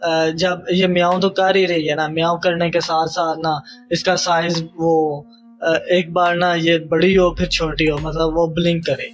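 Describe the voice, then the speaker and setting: A man's voice: a little high, flat delivery, soft background music. A young man with a Pakistani Urdu accent teaches a programming tutorial while working on screen. He explains step by step, mixes in English coding terms and often checks in with "theek hai?".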